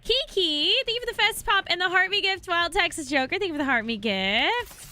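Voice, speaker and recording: A woman's voice: extremely high pitch, lively intonation, fairly quick, bright, forceful tone. A woman livestreaming while gaming, chatting casually and thanking viewers in a bubbly way. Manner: bubbly, reads out chat and thanks subscribers.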